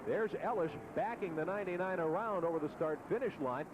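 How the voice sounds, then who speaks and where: A man's voice: sits high, brisk, muffled recording. A man calling a car race as the lead announcer in live sports commentary. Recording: loud track noise behind broadcast.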